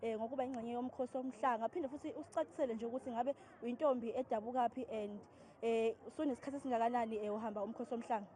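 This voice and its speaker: Fast-talking Zulu-accented woman field reporter. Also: a little high, fairly even intonation, warm tone. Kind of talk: live news report and interviewing.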